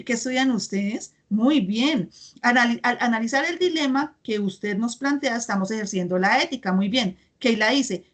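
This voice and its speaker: Over a video call, a woman with a slightly higher-than-average voice teaches a class. She reads students' chat comments aloud and keeps tossing in quick tag questions to make sure everyone is following.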